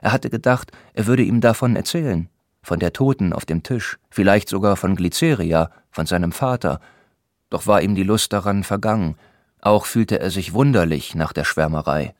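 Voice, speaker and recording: A man reads a novel aloud in a steady, measured way. His voice is low and deep, and the recording is close and dry with no room sound. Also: no echo. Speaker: audiobook narrator. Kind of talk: scripted narration of a novel.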